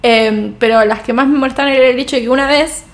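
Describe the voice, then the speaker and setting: A woman's voice: high-pitched, fast talker. A young woman with an Argentine accent telling stories in a casual podcast chat as co-host. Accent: Argentine Rioplatense Spanish. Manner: lively storyteller, chatty.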